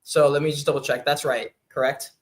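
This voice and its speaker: A man hosting a live online talk, easygoing and quick with short affirmations. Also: on the high side, steady tone. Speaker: podcast host. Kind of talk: casual live chat.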